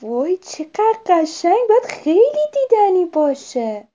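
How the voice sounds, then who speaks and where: A woman voicing a nervous young baby boy owl who cannot fly well yet, in a high squeaky voice. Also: wildly swooping pitch, vocal fry, mellow, husky, heavily acted. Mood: curious. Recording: dull lo-fi recording.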